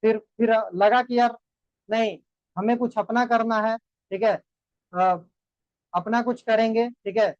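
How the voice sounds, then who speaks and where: A man's voice: high voice, fairly even intonation, takes it slowly, long pauses, clean tone, no echo. A young man teaching biology, giving a motivational lecture to students and checking in with them often. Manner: lecturing, addresses students as beta; repeats "thik hai na" checks. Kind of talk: motivational class talk. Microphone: online class mic. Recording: dull dry sound.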